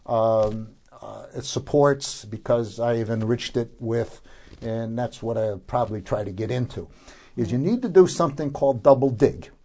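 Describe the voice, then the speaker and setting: An older man being interviewed as a gardener, informally explaining how to do things, haltingly and often searching for words. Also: mid-range voice, dark tone.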